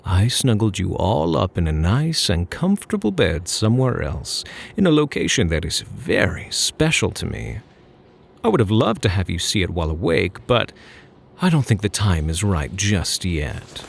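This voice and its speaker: In an ASMR roleplay, a man voices a smug, flirtatious phantom thief, teasing and mock-polite with a mock-caring air. His husky, gravelly voice is fairly low and sing-song, his pace a little slow, fully in character.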